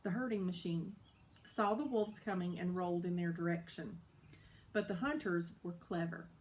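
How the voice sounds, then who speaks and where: Lady reading a kids' novel aloud, dramatic and lively. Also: on the low side, normal speed. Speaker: audiobook narrator. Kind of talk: expressive storybook narration.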